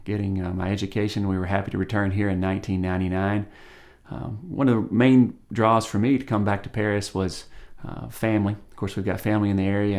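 A man, a surgeon talking in a measured way to camera in a studio, with frequent ums and uhs. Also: sits low, darkish tone. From Tennessee, USA. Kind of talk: on-camera promotional interview. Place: studio with plain grey backdrop.

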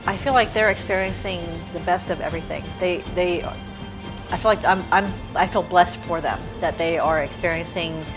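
A woman, a football player's mother, speaking haltingly and close to tears with pride. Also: lowish voice, steady tone, poor audio. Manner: halting, emotional, proud. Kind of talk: sports interview. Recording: background music under voice.

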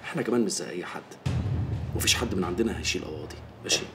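Slick Egyptian crime boss, deep-ish, fast talker, roomy scene with score. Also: male voice. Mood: confident. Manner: casual, confident, streetwise. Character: smooth-talking Egyptian gangster man. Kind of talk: film drama acting. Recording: roomy film scene with music.

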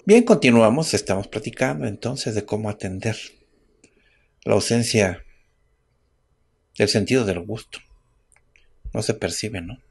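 A man with a Mexican accent hosting a radio health show, dictating herbal formulas slowly and repeating each list twice. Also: lowish voice, gravelly, husky. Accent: Mexican Spanish. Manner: slow and repetitive, dictating numbers and lists twice; asks and answers his own questions. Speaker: radio host giving herbal remedy advice.

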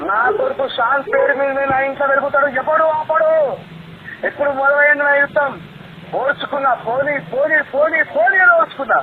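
A young man speaks in a high voice over a phone line, squeezed thin and hissing with line noise. He accuses and threatens, swinging between shouting and low pleading. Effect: heard over a phone line. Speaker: caller. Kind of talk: heated private phone argument. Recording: narrow, noisy phone-call audio.

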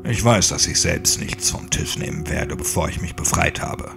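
Man narrating a horror audiobook, low gravelly voice, lively, soft music underneath. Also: normal speed. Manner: low, tense, dramatic. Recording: soft music bed behind.

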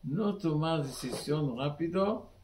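A rabbi giving a weekly sermon in halting, simple Spanish that is sprinkled with terms. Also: male voice, a little high, a little mellow, roomy sound, a little hiss or hum.

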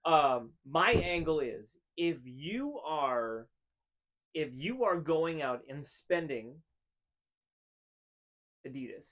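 A man in his thirties, his voice sitting slightly high, co-hosts a relaxed chat from a room full of hanging jerseys. He argues his points emphatically and leans on repetition to drive them home. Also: takes it slowly, pauses often. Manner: opinionated, emphatic, repeats phrases for effect. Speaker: co-host. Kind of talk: casual podcast chat.

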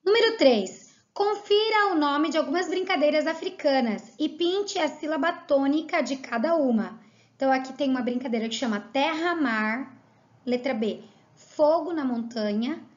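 A woman with a Brazilian Portuguese accent, teaching a recorded lesson and reading words out slowly and clearly. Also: high-pitched, lively intonation, muffled recording. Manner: slow, clearly spelled-out dictation of words.

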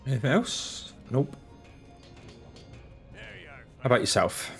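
A man's voice: medium pitch, very animated, slow, vocal fry, a bit bright, faint music behind. A man hosting a casual let's-play, congested from a cold, talking in a laid-back, muttering, self-deprecating way into a desk microphone. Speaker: gaming channel host. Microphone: desk microphone, off camera.

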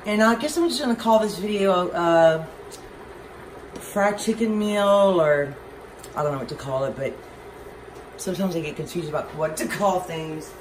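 A Southern woman with a fairly low voice talks her viewers through a home-cooked meal in a loose, rambling way and pokes fun at her own cooking. She is recorded in a home kitchen, with a loud fan humming steadily behind her. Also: normal speed, long pauses, noisy background. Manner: chatty, rambling, self-deprecating. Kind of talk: casual cooking demonstration. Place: home kitchen, overhead camera on the stove.

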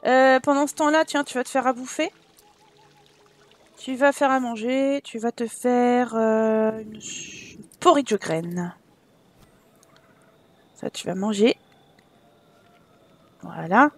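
A woman hosting a casual let's play, chatting, reading game text aloud and joking to herself. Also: sits high.

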